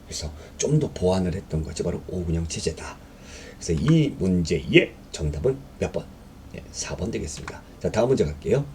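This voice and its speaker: A man's voice: sits low, sing-song, fairly quick, darkish tone, a little hiss or hum. A man teaching a history exam-prep lecture in a conversational way, reading questions aloud and explaining them with fillers and rhetorical questions.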